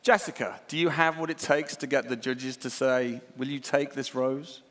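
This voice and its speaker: A man's voice: medium pitch, steady tone, moderate pace, a bit bright, slight background noise. A man co-hosting a live data competition on a conference stage, upbeat and playful as he introduces contestants. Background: music.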